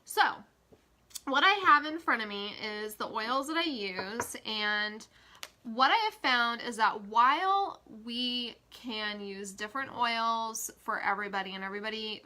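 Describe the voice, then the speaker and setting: An essential oil educator from Kansas chats casually on a social media live, her voice stuffy and congested and full of fillers. It's a little high, unhurried and sharp in tone, with slight background noise.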